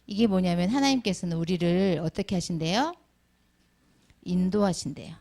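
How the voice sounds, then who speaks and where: A middle-aged woman speaks at a moderate pace in a fairly low, creaky voice that's a little mellow. She's teaching Sunday school, giving a children's sermon in which she calls on kids by name and asks lots of questions.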